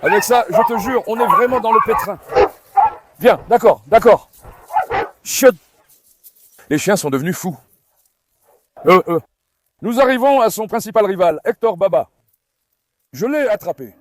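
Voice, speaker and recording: A man talking casually in a vlog while coaxing and calming his dogs on a farm. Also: high voice, normal speed, long pauses. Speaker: farm dog owner and vlogger.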